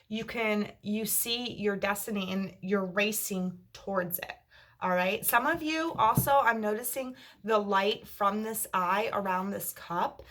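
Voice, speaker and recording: Woman giving a tarot reading, slightly creaky. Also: mid-range voice, a bit bright. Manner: reassuring, checks in with "okay?". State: voice wearing out after a long day. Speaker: tarot reader. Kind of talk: monthly tarot reading to camera.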